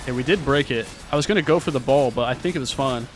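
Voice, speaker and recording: A man streaming live gameplay, talking to himself and breaking into frustrated shouts. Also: medium pitch, quick pace, music in the background. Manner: mutters to himself, bursts into shouts when frustrated.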